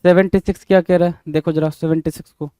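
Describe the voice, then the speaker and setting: Indian male teacher, slightly high voice, clear, dry close sound, spells words out letter by letter. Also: little pitch movement, quick pace, dark tone, no echo. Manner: often adds "bhai" to address viewers. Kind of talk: spelling lesson, checking answers.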